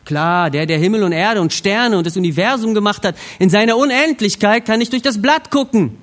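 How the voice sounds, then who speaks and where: A man preaching a sermon, retelling a scripture scene expressively and swinging between hushed reflection and emphatic lines. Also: high-pitched, fairly quick.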